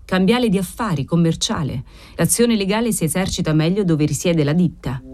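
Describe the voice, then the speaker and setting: Icy male loan shark in an audiobook, low mellow voice, clipped and businesslike, read by a woman. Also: lively intonation, a little fast, soft background music, natural voice. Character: cold calculating male moneylender, middle-aged.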